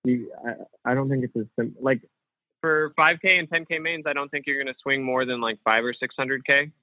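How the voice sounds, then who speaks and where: A man's voice: medium pitch, steady tone, fairly quick, dry recording. A man, a guest on an interview, talking casually and thinking aloud with many fillers and restarts over a remote call. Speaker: guest, professional poker player. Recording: dry, phone-like remote call audio.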